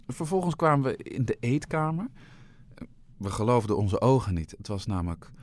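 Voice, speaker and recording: A man reading a children's adventure story aloud with an expressive, playful delivery. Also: mid-range voice, no echo.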